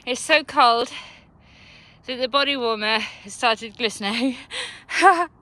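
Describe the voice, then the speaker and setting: A woman's voice: on the high side, steady tone, unhurried, sharp tone. A woman vlogging outdoors on a cold night, chatty and rambling, out of breath after running, on a handheld phone. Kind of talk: casual vlog while running.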